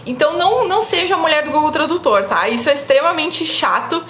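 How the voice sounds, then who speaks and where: A woman's voice: high-pitched, animated, fast talker, fairly bright tone, roomy sound, a little hiss or hum. A young woman from giving casual public speaking advice on a live stream, chatty and full of "tá?" tag questions. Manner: chatty, frequent "tá?" tag questions, laughs often.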